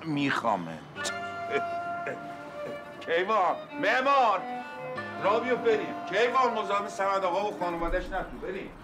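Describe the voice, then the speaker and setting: A pushy, sweet-talking landlord. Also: male voice, sits high, big pitch swings, pauses often, over music. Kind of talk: TV drama acting. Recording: noisy background.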